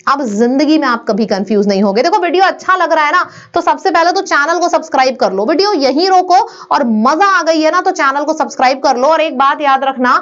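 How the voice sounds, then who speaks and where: A woman with a high voice teaches an online grammar lesson. She asks her students questions and answers them herself in a brisk classroom drill. The recording sounds slightly dull and lo-fi. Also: lively intonation, fairly bright tone.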